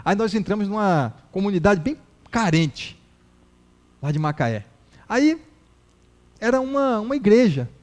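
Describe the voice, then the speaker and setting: High-voiced Brazilian lecturer telling stories. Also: male voice, measured pace, pauses often. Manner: animated storyteller, acts out characters. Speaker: spiritist lecturer. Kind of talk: public lecture with humorous anecdotes. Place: spiritist center.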